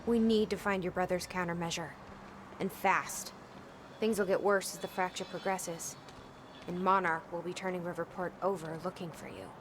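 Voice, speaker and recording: A woman's voice: lowish voice, steady tone, normal speed, close to an everyday voice. A woman playing a guarded, determined female undercover agent in a video game, terse and assertive. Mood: urgent. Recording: game audio with noisy ambience.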